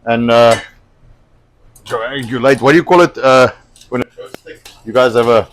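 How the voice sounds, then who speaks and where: A man whose first language is Afrikaans hosts a casual cooking livestream from his home kitchen, rambling hesitantly with lots of fillers and restarts. His voice is medium-pitched with a steady tone and moderate pace, and there's slight background noise.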